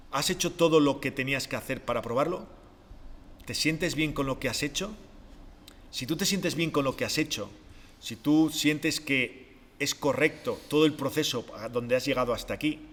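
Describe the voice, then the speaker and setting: A man talks through his ideas calmly and reflectively, posing questions and then answering them himself. His voice sits in a middle register. The room adds a long, lingering reverb. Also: mid-range voice. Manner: calm, reflective, explains step by step with rhetorical questions. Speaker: podcast co-host, behavior expert. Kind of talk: explanatory podcast talk.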